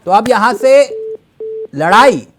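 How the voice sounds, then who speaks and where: Male TV debate anchor, high lively pitch, insistent and interrupting. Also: fairly quick. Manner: interrupting, pressing repeatedly for answers. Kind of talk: moderating a heated TV debate.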